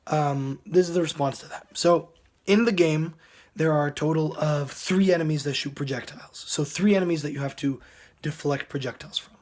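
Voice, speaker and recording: Hoarse, slightly high-voiced man, sick. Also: brisk, a little mellow. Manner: frequent throat clearing. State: hoarse, sick, losing his voice. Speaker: video game reviewer. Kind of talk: casual commentary to viewers.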